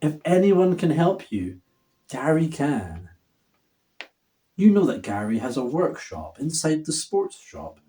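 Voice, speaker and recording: A man's voice: on the high side, big pitch swings, takes it slowly, mellow. A man giving a hammy, theatrical stage-actor reading of a children's story, drawing words out for drama.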